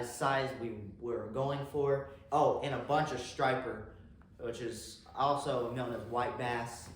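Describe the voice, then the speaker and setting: Casual male co-host, rambling and unpolished, very roomy echo. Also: medium pitch. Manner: rambling, restarts, searching for words. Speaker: podcast co-host. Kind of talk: casual podcast chat. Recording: very echoey room with faint noise.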